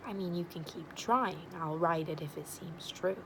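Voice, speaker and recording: A woman's voice: on the low side, normal speed, noisy background, close to an everyday voice. A woman playing a blunt, nosy, wisecracking matchmaker in an ASMR role-play, with an overdone regional accent and teasing sales patter.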